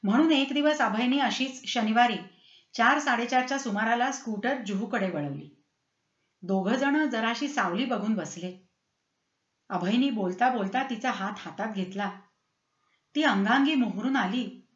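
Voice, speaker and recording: Higher-voiced woman storyteller reading aloud. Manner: lively, dramatic, switches into character voices. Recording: roomy, slightly dull recording.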